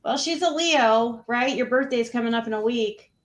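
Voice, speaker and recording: Hosting a relaxed true crime chat on a livestream panel, this woman has a voice on the high side and a moderate pace. She asks her questions in a loose, meandering, informal way.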